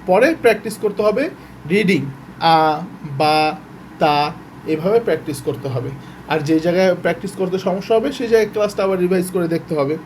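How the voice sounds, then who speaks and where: A man's voice: sits high, expressive, a little mellow, a little hiss or hum. A man teaching Quran reading in an online lesson, sounding out letters one by one and explaining patiently. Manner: patient, repeats letter sounds slowly then speeds up to explain.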